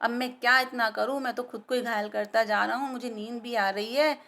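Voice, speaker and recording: A woman's voice: fairly high pitch, steady tone, fairly quick, a bit bright. A woman voicing a grumpy, sleepy male lion who is king of the jungle, who growls threats and later gives up wearily. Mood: weary. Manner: growling threats, then weary surrender.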